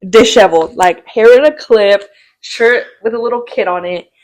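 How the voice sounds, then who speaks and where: Animated young woman telling a story. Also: medium pitch, moderate pace, no room sound. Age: young adult. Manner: animated, rambling, acts out quotes, laughs often. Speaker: podcast co-host. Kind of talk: casual storytelling chat.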